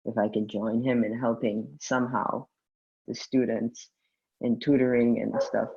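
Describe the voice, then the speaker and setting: A young man runs an online tutoring session over a video call. His voice is husky and his delivery is informal and hesitant, with frequent restarts. The call audio is dull and lo-fi. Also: mid-range voice, darkish tone. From Guyana, raised in the Bahamas.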